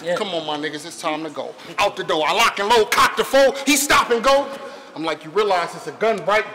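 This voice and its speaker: A man performing live battle rap, delivering brash, taunting punchlines and shouting them at his opponent. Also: high-pitched, brisk. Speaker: battle rapper. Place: live battle rap event before an audience. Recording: loud cheering crowd. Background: loud crowd reacting.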